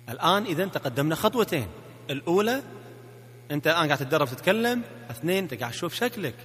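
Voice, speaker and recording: A man's voice: a little high, fairly bright tone, big-room sound. A man with a Gulf Arabic accent coaching listeners in a recorded self-help lesson, playfully coaxing them to repeat phrases after him. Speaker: marriage coach.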